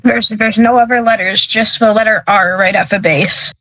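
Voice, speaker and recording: A woman's voice: mid-range voice, steady tone, moderate pace, a bit bright, rough recording. A woman narrating a tabletop game as game master, patiently describing scenes.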